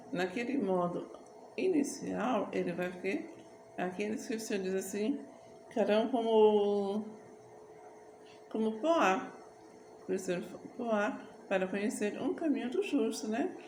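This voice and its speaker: A woman's voice: medium pitch, creaky, a little mellow, a little hiss or hum. Woman preaching in an echoey room. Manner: rambling devotional talk, breaks into slow singing. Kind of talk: informal sermon with sung worship.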